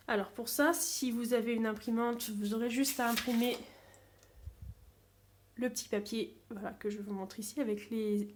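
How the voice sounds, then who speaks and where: A woman teacher calmly explaining a sound-sorting game step by step for young children's parents. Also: a little high. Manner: calm, simple step-by-step explaining. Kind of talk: classroom game explanation video.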